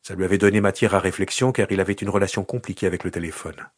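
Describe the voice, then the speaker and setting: A man narrating an audiobook in a measured, even reading. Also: low-pitched, no echo, studio quality. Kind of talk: scripted narration.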